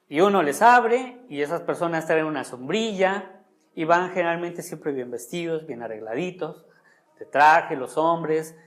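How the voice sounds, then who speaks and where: A preacher teaching from the pulpit in a church. The delivery is explanatory and conversational, drawing listeners in with direct questions. Key words are stretched out and repeated for weight. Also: medium pitch. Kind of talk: sermon.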